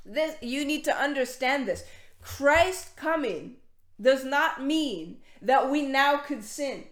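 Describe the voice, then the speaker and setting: A woman preaching a sermon, reading scripture and explaining it earnestly, often repeating words and adding quick asides. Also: high-pitched, lively intonation, a bit bright, reverberant.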